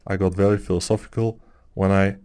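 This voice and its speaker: A Bulgarian man in his thirties, with a Bulgarian accent, talks through a 3D sculpting tutorial over his screen work in a casual, rambling, musing way full of fillers. His voice is deep and warm with a clean tone, and his delivery is flat but brisk.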